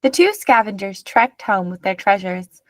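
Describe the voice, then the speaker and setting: A woman reads a children's picture book aloud as narrator, telling the story expressively at a medium pitch and moderate pace. The recording is dry, with very little echo.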